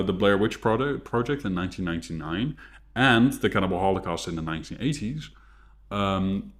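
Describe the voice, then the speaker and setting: Low-voiced man explaining things casually. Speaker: podcast co-host. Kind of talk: casual film discussion.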